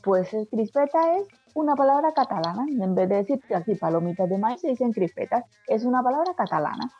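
A woman from Barranquilla, whose Colombian Caribbean accent carries a touch of Spain, speaks in a slightly husky, higher, expressive voice at a brisk clip. As an interview guest she tells anecdotes conversationally and acts out quoted exchanges, with lo-fi sound and soft music underneath.

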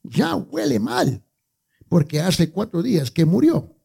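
A grieving sister frets and pleads in a thin, raised voice, as a male preacher puts her on. A gravelly grain and a husky edge stay under it. The pitch lifts well above his own. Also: very animated, takes it slowly, dark tone, exaggerated voice. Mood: pleading. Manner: high, pleading, strained. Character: worried grieving woman, sister of the dead.

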